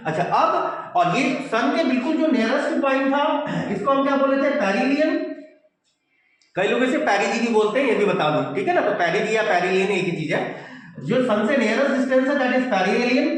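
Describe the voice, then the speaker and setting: A high-pitched man gives a physics lecture, walking students through each step and often checking they follow. He mixes English technical terms into his Hindi. His voice rings in a very echoey room. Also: animated, normal speed. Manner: explanatory, repeats phrases, checks understanding. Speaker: physics teacher. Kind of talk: whiteboard lecture.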